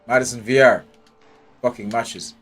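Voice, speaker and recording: A medium-pitched, fairly bright male voice with a steady tone and moderate pace narrates a live game stream. He's blunt and profane, mulling things over aloud and finding fault with each detail. Faint game music plays under his desk-mic audio; he wears headphones.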